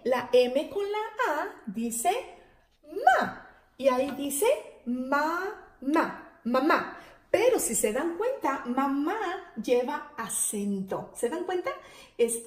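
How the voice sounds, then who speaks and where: A woman teaching young children phonics. She sounds out syllables slowly and with emphasis and praises them warmly. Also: high voice, roomy sound. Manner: warm, encouraging praise to children.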